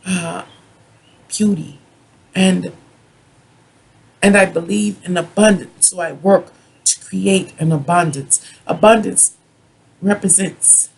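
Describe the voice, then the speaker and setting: A tarot reader from the United States with a husky, raspy voice that often drops into gravelly fry. The delivery is a rambling, drunken rant, stopping and starting, stretching words and circling back over the same points. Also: mid-range voice, low-quality recording. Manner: self-described drunken ranting, halting with drawn-out words and repetition. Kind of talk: rambling monologue tarot reading.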